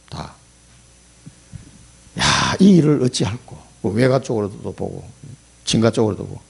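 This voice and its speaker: Gravelly, husky-voiced male pastor preaching. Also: on the high side. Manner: emphatic, folksy preaching with sudden loud and soft swings. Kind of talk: sermon.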